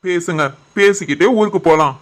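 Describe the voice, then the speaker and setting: A woman voicing a gentle, dutiful grown son who speaks softly and reassuringly, with a Kanyakumari Tamil accent, in a cartoon family drama. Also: on the low side, fairly quick, voice pushed down, close to an everyday voice. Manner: soft, reassuring.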